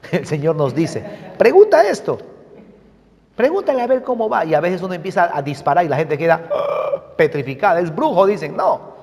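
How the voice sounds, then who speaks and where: Man preaching in a reverberant hall. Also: a little high. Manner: emphatic, checks in with the congregation with questions. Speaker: pastor. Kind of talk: sermon. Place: church. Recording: long reverb of a church hall.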